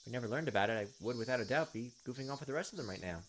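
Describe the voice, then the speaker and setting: This gameplay host talks very fast and animatedly at a medium pitch, his throat sore and scratchy from the winter chill. He alternates between reading visual novel text aloud and offering casual, wry commentary, with music in the background.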